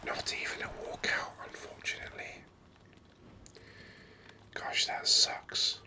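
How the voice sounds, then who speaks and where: Close to the mic and never rushed, a person whispers through a gaming video in ASMR fashion, musing on what happens in the game.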